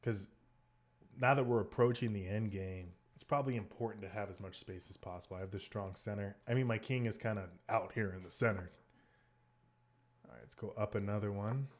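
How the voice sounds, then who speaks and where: A man thinking aloud as he plays online chess, muttering moves and often dropping to a hushed near whisper. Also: fairly low pitch, a little fast. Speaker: chess streamer.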